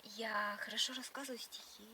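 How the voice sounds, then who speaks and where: A woman's voice: mid-range voice, fairly even intonation, normal speed, sharp tone, slight background noise. A young woman in casual conversation, playfully asking questions. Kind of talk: casual chat. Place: inside a car.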